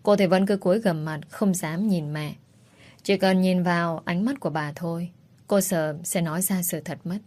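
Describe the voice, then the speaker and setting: A woman narrating a romance novel in a steady, even storybook reading. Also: on the low side, moderate pace. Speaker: audiobook narrator.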